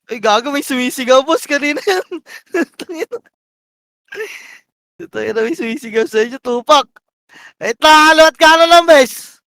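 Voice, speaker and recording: Man, team shotcaller, high voice, dry close headset, rapid commands, swearing. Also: lively intonation, fairly bright tone, no room sound. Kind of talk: live gaming voice chat.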